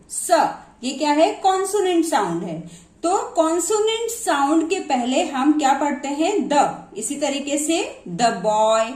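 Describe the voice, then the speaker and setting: A woman with a high, darkish voice teaches English pronunciation in a slow, explanatory lesson, mixing Hindi and English words. She asks her own questions and answers them, and the room is echoey.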